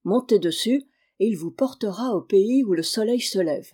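Woman voicing a wise old bearded helper, gentle advice, dark mellow tone. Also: mid-range voice, animated, moderate pace, breathy edge. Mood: kindly.

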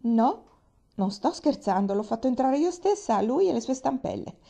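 A woman voicing Nancy, an excited young housemaid full of gossip, in a storybook reading. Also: a little high, moderate pace, gravelly, pitched above the performer's own voice, heavily acted. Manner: excited, breathless, insistent.

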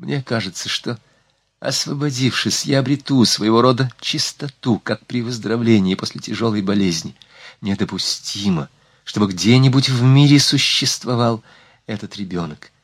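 A man's voice: medium pitch, moderate pace, husky, no echo, clean studio sound. A man reading aloud, voicing a desperate, resolute young woman who speaks earnestly and pleadingly.

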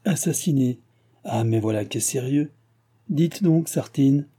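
A man's voice: medium pitch, measured pace, dark tone, slightly rough, voice pushed up. A man voicing an aging French king who talks in an ironic, offhand way.

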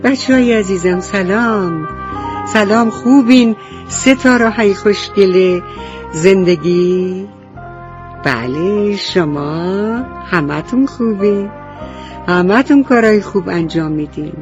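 A woman telling a bedtime story for children on the radio, speaking gently and directly to the kids. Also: mid-range voice, animated, highs cut off, music in the background.

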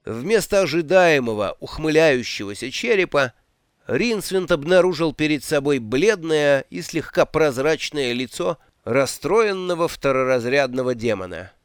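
A man narrating a fantasy audiobook in an expressive, theatrical reading style. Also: on the high side, measured pace, clear, resonant tone, no echo, clean studio sound. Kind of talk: scripted narration.

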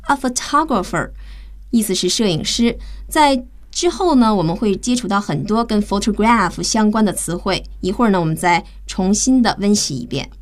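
A woman teacher leads a bilingual radio English lesson. Her voice sits at an ordinary middle pitch, and she explains each word patiently, step by step, often spelling it out letter by letter. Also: lively intonation, normal speed.

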